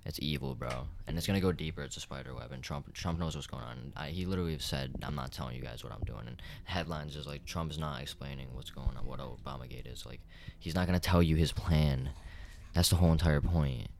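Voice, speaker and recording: Young man, very deep gravelly voice, rambling heated podcast talk. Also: fairly quick, slight background noise. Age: young adult. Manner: rambling, heated, says bro a lot. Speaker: podcast regular. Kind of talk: casual podcast chat.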